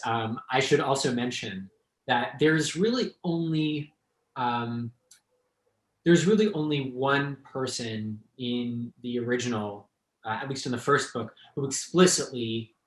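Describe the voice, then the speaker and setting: A thoughtful man talks about his translation work at a relaxed, hesitant pace, dotting his sentences with fillers. His voice sits in a middle register, and the room around him gives a noticeable echo. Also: mid-range voice. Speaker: translator, guest speaker. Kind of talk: conversational talk.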